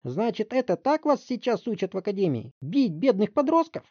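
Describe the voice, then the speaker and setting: A man voicing a loud, hot-tempered middle-aged housewife who screams and scolds in a shrill voice. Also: big pitch swings, fairly quick, slightly rough, dry recording, dull audio, exaggerated voice. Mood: shrieking outrage. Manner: shrieking, scolding, outraged.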